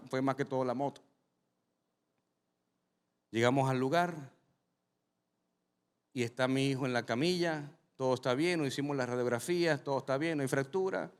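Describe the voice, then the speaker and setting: A pastor preaching from the pulpit, his voice sitting at an ordinary middle pitch. He tells a story with lively energy and speaks straight to the congregation, and his words ring out with long reverb across a large church hall. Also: a little fast, long pauses. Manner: animated, addresses the congregation directly. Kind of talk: sermon with personal storytelling.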